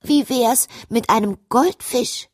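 A woman's voice: fairly high pitch, slow pace, no echo, clean studio sound, pitched above the performer's own voice. A woman doing a fussy, soothing storybook queen. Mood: cheerful. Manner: gentle, soothing, mildly scolding. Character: fussy, distracted adult queen mother.

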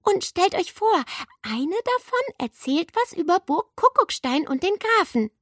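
A woman voicing a lively, slightly smug schoolgirl who tells her friends things eagerly. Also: extremely high pitch, measured pace, no room sound, clean studio sound, pitched above the performer's own voice, exaggerated voice. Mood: conspiratorial. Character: lively know-it-all schoolgirl.

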